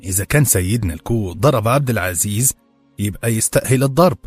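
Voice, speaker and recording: A man's voice: fairly low pitch, animated, quick pace, slightly rough, dry recording, soft background music, pitched above the performer's own voice. A man voicing a stern older head servant with an Egyptian accent, lecturing condescendingly. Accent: Egyptian Arabic.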